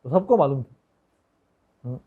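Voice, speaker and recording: A man preaching a devotional story in a relaxed, conversational way, with digressions and hmm fillers. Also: mid-range voice, moderate pace, phone-quality sound.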